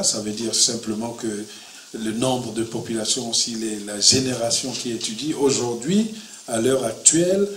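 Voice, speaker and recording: Middle-aged guy on a panel, animated, repeats himself, sounds a bit far off in a roomy space w faint background noise. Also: mid-range voice. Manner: animated, repeats words, laughing asides. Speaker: writer on a panel. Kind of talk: panel discussion.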